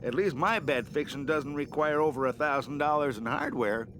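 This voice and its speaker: A man's voice: fairly high pitch, normal speed, sharp tone, a little hiss or hum. A man playing a stubborn, grumpy gravedigger in a comic adventure game, querulous and skeptical as he scolds. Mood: dismissive. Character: jumpy, grumpy, stubborn gravedigger who loves horror novels.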